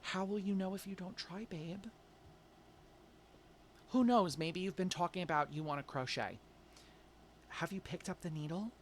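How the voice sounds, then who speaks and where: A man doing a casual tarot reading, coaxing and chatty, calling listeners babe, swinging between loud and soft. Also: high voice, moderate pace, pauses often, a little hiss or hum. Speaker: tarot reader.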